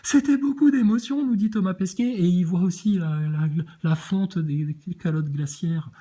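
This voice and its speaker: A woman's voice: fairly low pitch, normal speed, dark tone. A woman ranting at viewer comments in a sarcastic, crude, mocking way, often laughing. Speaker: video host reacting to viewer comments.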